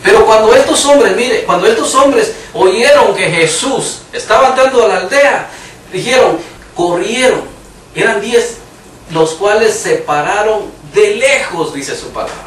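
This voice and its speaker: A man's voice: sits high, animated, measured pace, a bit bright, a little hiss or hum. A man preaching an emphatic sermon in a church hall, now and then raising his voice for quoted cries. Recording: echoey room, mic far off.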